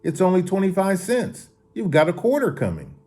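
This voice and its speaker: A man voicing an earnest young boy who sells newspapers, in a storybook reading, his voice lifted higher and boyish. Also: huge pitch swings, unhurried, warm tone.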